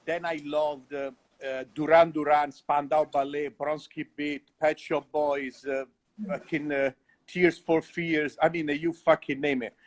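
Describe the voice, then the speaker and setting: A man's voice: fairly high pitch, little pitch movement, measured pace. A man from Italy with an Italian accent, an enthusiastic guest in a casual interview who swears freely.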